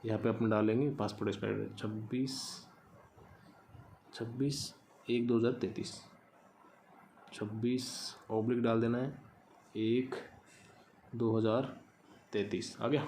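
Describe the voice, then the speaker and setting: A man walks through an online check, repeating each number as he types it. His voice is dark and mellow, with little rise and fall. A faint hiss sits under the recording. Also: mid-range voice, fairly even intonation, measured pace, long pauses. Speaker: tutorial host. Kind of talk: screen-recorded how-to explanation.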